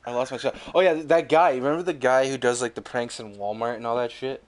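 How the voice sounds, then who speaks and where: A man's voice: medium pitch, fairly even intonation, fast. A young man co-hosting a podcast in casual chat, rambling and swearing freely, laughing often. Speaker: podcast co-host.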